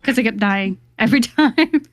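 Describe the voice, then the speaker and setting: A woman's voice: on the high side, lively intonation, moderate pace, no echo, clean studio sound. Giggly young woman chatting on stream. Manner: giggly, chatty, self-deprecating. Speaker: guest. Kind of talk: casual livestream chat.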